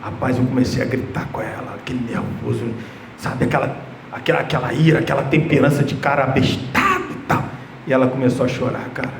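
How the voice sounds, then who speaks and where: A man's voice: mid-range voice, big pitch swings, quick pace, gravelly. A man preaching an expository sermon, emphatic and telling personal stories, often repeating himself. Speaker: pastor. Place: church hall. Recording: echoey church room, faint background noise.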